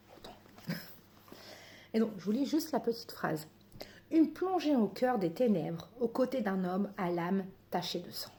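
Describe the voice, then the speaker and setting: Giggly French woman unboxing books. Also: fairly high pitch. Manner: excited, giggly, reads blurbs aloud. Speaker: book vlogger. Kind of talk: casual unboxing chat.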